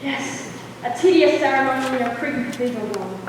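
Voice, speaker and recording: A woman playing a brash, cheerful young gentleman in breezy, declamatory stage acting. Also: high-pitched, animated, fairly quick, noisy background. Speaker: actor in a stage musical. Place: school theatre stage, audience recording. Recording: echoey hall from far off.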